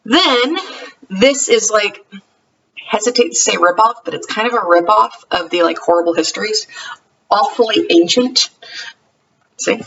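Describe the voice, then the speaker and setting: A homeschooling parent vlogger chats casually in a homemade show-and-tell video, rambling and correcting herself as she goes. Her voice is fairly low and a bit bright, recorded dull and lo-fi on a distant mic with faint noise.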